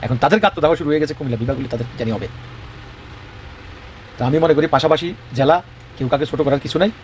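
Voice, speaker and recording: A man with a Comilla Bengali accent delivers a heated, combative monologue at a blistering pace. His voice sits somewhat high, and he keeps posing questions and answering them himself. A faint hiss runs under the recording. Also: very fast, a little mellow. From Bangladesh. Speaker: regional advocate. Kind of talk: impassioned monologue.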